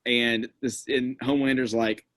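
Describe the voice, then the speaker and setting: A man's voice: medium pitch, normal speed, no room sound. A man co-hosting a casual recap chat, retelling scenes with lots of "like" and acting out quotes. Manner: animated retelling, acts out quotes, many "like"s. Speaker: podcast co-host.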